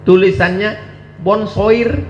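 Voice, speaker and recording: A man preaching a humorous sermon to students, joking playfully and chanting verses in long drawn-out recitation. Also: high voice, fairly even intonation, darkish tone, highs cut off, slight background noise. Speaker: Islamic preacher. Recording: echoey hall with long reverb.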